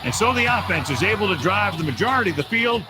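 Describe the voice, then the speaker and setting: A football game's play-by-play announcer with a somewhat high voice that rises and falls a lot. He calls each play in brisk, clipped phrases. A steady hiss runs under the game audio. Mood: calm. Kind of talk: sports play-by-play commentary.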